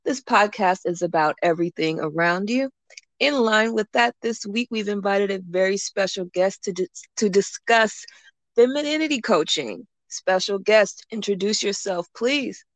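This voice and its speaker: A woman's voice: mid-range voice, moderate pace, no room sound. A woman hosting a podcast, talking in an informal, conversational way. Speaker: podcast host. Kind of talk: casual podcast interview.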